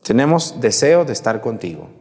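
A man voicing scheming, lecherous old male judges in a low, threatening, coaxing tone. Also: sing-song, moderate pace, a little mellow, big-room sound. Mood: menacing.

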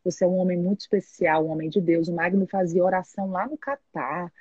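Husky-voiced woman storyteller. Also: on the low side, fairly quick, no room sound. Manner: lively narrator acting out both sides of the dialogue. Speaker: guest telling her testimony. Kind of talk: animated personal storytelling. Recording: slightly dull, muffled recording.

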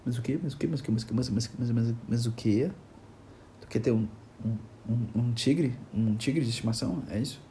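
A man's voice: mid-range voice, moderate pace, mellow, slight background noise, voice pushed down, lightly acted. A man voicing a disbelieving male friend who stammers and repeats himself. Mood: incredulous. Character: baffled incredulous adult male friend.

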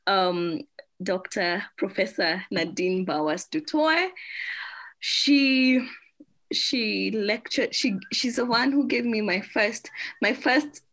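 A woman hosting a faith podcast interview, excited and laughing often. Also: medium pitch, slow pace. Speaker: podcast host. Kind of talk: casual conversational interview.

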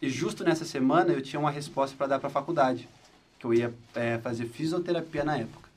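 A man's voice: medium pitch, quick pace, far from the mic. A man in his twenties telling a story in a casual chat, acting out quoted voices. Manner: animated storyteller, acts out quotes. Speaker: podcast guest.

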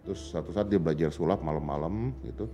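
A man's voice: rumbling low, fast talker, warm tone, slight background noise. A man, a father, telling an emotional story in casual chat and acting out the dialogue with quotes in English. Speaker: podcast guest, father of a teenager. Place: podcast studio.

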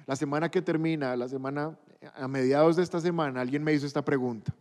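A man preaching a sermon as pastor, emphatic and building to loud bursts. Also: fairly high pitch, fairly even intonation, fast, big-room sound.

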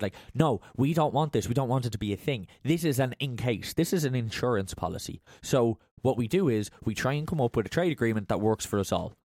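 A man's voice: mid-range voice, a little mellow, no echo, clean studio sound. A man, co-hosting a casual political chat, blunt, exasperated and swearing. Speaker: podcast co-host.

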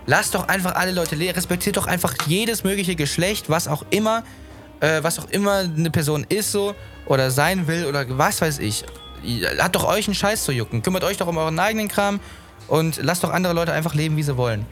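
A man's voice: on the high side, brisk, a bit bright, faint music behind. A young man co-hosting a casual podcast while hungover, talking in a rambling, slangy way. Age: young adult. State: hungover with a headache. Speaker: podcast co-host.

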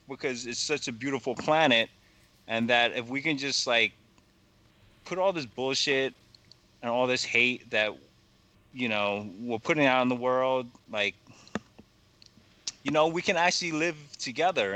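A young man talking as a podcast guest in a halting, rambling way, full of fillers and swearing. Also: mid-range voice, pushed and bright, slight background noise. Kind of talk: casual podcast conversation.

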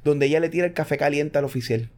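A man with a Puerto Rican accent in a casual, animated chat, acting out quotes in quick overlapping banter. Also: on the high side. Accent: Puerto Rican Spanish.

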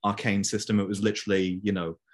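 Young male guest, low voice, rambling easy chat, video call. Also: flat delivery, quick pace. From Belgium. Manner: chatty, many fillers. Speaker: interview guest. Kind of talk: casual conversation.

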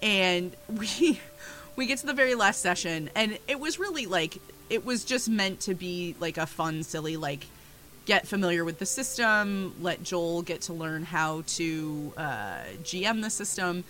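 A young woman with a low-set but bright, forceful tone tells a story slowly and casually. Her delivery is chatty, with laughter breaking in. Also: lively intonation. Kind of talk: casual chat.

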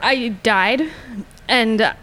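A fairly high-voiced woman with noticeable vocal fry talks casually as a podcast guest. She phrases things haltingly, peppered with "like", over faint background noise. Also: pushed and bright. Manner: hesitant phrasing with frequent "like". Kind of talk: casual chat.

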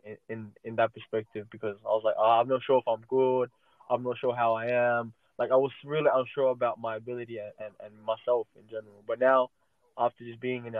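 A young Australian man in his twenties chats casually as a guest, swearing freely and stumbling over repeated words. His voice sits at an ordinary middle pitch. It comes through thin and phone-like, recorded from inside a car. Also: dry recording. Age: 20s. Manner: loose, profane, repeats words while thinking. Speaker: rapper guest. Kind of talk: casual interview chat. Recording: tinny phone-like sound.

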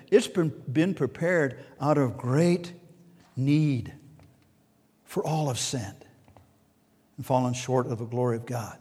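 A man preaching a sermon as pastor, swinging between soft and loud and repeating key words. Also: a little high, big-room sound.

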